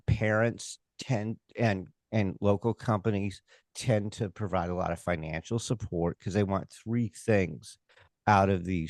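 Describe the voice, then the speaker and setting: American male stage hypnotist, emphatic interview guest. Low-pitched, unhurried, very dry sound. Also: darkish tone, no room sound. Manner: emphatic, opinionated, halting with repeated rhetorical asides. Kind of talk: casual interview talk.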